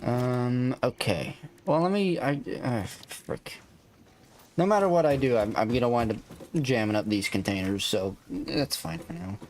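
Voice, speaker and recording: A man streaming a factory-building game offers laid-back, wandering commentary and chat, thinking aloud as he goes. His soothing voice is mid-range and darkish, and he speaks a little slowly. Background noise comes through clearly.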